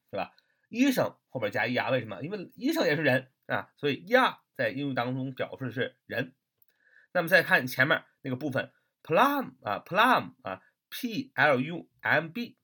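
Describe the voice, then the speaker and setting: His voice is on the high side, sharp in tone and slightly rough. He leads a lively English vocabulary lesson, chatting away, spelling words letter by letter and asking rhetorical questions.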